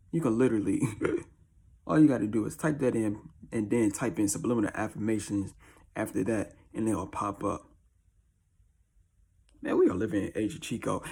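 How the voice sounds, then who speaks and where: A man with a deep, husky early-morning voice, chatting casually as a video host in a slangy, repetitive way. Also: darkish tone. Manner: slangy, informal, repeats catchphrases. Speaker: YouTube host. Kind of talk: casual chat to camera.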